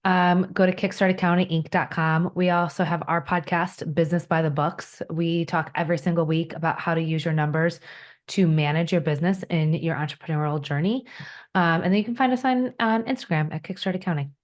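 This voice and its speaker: A woman with a notably low voice talks as a podcast guest. She is direct and practical, explaining her bookkeeping work in a matter-of-fact tone. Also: fairly even intonation, fairly quick. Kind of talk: casual interview chat.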